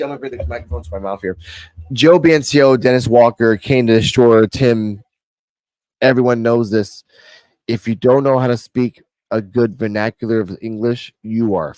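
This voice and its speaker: A man's voice: mid-range voice, darkish tone, poor audio. A man in his forties casually recapping a wrestling show, loose and profane, rambling through the matches. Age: 40s. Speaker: podcast co-host. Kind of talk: casual wrestling review chat.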